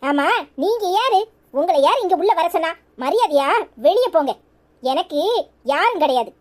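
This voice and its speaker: Very high squeaky cartoon woman, pregnant and stubborn, tirunelveli tamil, snaps at everyone, actor doing the voice. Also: animated, normal speed. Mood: defiant. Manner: defiant, scolding. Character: stubborn pregnant young woman, sharp-tongued. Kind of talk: cartoon comedy dialogue.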